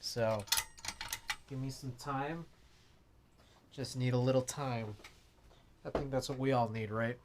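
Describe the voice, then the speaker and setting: A man's voice: mid-range voice, slow, pauses often. Male streamer, offhand and informal, chatting as he works, with light background noise. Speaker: livestream host. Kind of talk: casual livestream chat while working. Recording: clicks and steady background noise.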